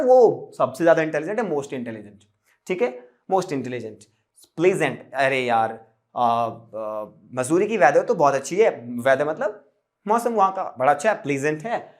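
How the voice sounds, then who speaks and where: A young man teaching English grammar in Hindi, casual and lively, asking questions and answering them himself. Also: on the high side. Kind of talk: casual Hindi classroom explanation.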